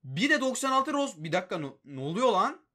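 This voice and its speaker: A man's voice: sits high, very animated, brisk, sharp tone. A young man giving live commentary on a mobile game he plays, pleading with it and exasperated at its results.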